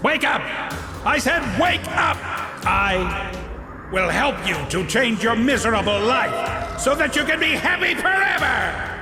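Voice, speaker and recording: An imperious genie, very high-pitched and wildly swooping. He scolds and commands in theatrical bellows, like a storybook cartoon spirit. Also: very animated, unhurried, shouting, loud music behind the voice, exaggerated voice. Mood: imperious, scolding. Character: loud bossy male genie in a dream, imperious and scolding. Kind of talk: animated storybook acting.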